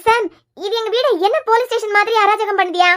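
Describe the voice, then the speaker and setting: Woman doing shrill young woman, very high, fast, loud and defiant, Kanyakumari Tamil accent, cartoon.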